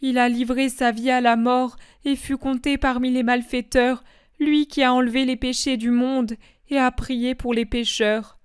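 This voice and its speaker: A woman's voice: high-pitched, little pitch movement, unhurried, clear, resonant tone, no echo, studio quality. A woman voicing the weeping disciple Mary Magdalene, faint and grief-stricken in a dramatic religious reading. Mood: muted grief.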